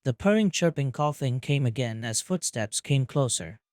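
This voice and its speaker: A man reading fan fiction aloud as narrator in a calm, even scripted narration. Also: medium pitch, normal speed, no echo, studio quality.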